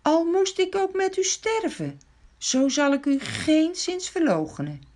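A woman voicing a frightened, impulsive grown man who loudly swears he is not a follower, in a children's Bible story. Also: high-pitched, very animated, measured pace, voice pushed up. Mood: vowing. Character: frightened, impulsive adult male disciple.

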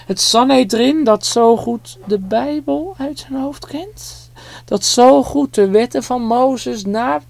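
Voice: mid-range voice, slow pace, creaky, darkish tone. A storyteller telling a Bible story to young children, vivid and dramatic, speaking to them directly.

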